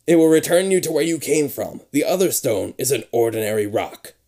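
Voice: mid-range voice, animated, fairly quick, mellow. A narrator voicing a stern, scornful old wizard who declaims imperiously. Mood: solemn.

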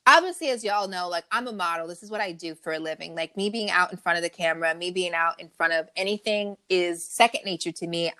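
A woman's voice: lowish voice, fairly bright tone. A woman co-hosting a podcast in brash, profane, playful casual chat. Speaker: podcast co-host.

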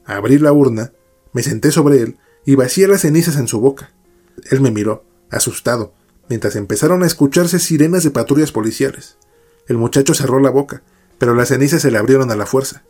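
A man narrates a dark first-person horror story, measured and dramatic, at a middle pitch. Faint music plays quietly beneath his voice. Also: husky.

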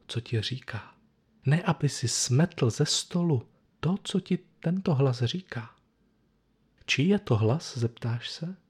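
A man with a husky, slightly breathy voice delivers a sermon. He speaks in a reflective, measured way, letting pauses sit between short phrases. His pitch sits in a middle range for a man. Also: darkish tone. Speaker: preacher.

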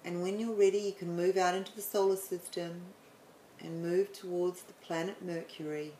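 A woman explaining the planets in a chatty way, then leading a guided meditation with slow, soothing instructions and some stumbles. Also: on the low side, little pitch movement, dark tone, reverberant, slight background noise, rough recording. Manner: chatty, apologetic, stumbles over words.

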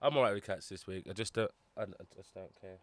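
A man co-hosting a podcast, chatting casually and telling stories with a joking, animated manner. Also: deep voice, fast, no echo. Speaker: podcast co-host. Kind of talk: casual chat.

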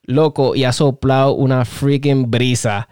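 A man hosting a casual podcast chat, telling stories with lively acted-out reactions. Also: medium pitch, measured pace, clean tone, dry recording, clean studio sound. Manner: animated storyteller, acts out reactions. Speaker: podcast host.

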